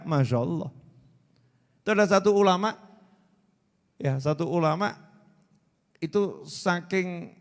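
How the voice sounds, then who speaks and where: A man, his voice pitched high. He is playful, teases his listeners and repeats words to hammer a point home. A long hall reverb trails after each phrase. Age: 40s. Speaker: preacher. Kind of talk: sermon.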